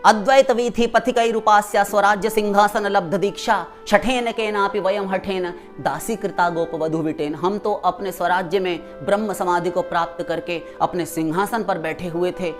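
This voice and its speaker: A woman's voice: mid-range voice, steady tone, normal speed, hardly any pauses, faint music behind. A woman preacher giving a devotional sermon, reciting verses and then explaining them.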